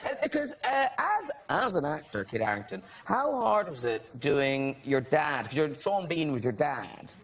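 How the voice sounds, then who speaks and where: A man's voice: a little high, very animated, unhurried. A man hosting a television chat show, teasing and giggling as he interviews his guests. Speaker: talk show host. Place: television studio with audience. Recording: loud background noise.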